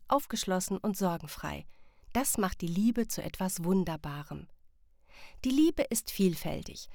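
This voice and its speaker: A woman reading a children's story aloud in a calm, warm, evenly paced manner. Her voice sits in the middle range and is recorded close on a studio mic. The sound is dry, with no room around it. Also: medium pitch, no echo. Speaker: narrator. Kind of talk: children's audiobook narration.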